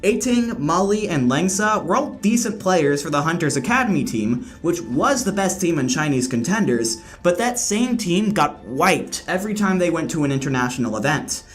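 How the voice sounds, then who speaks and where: Higher-pitched man presenting rankings over music. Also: animated, normal speed, few pauses. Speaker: esports commentator and video host. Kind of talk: scripted commentary, countdown rankings. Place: indoor room, different from usual. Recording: slightly echoey room, music behind.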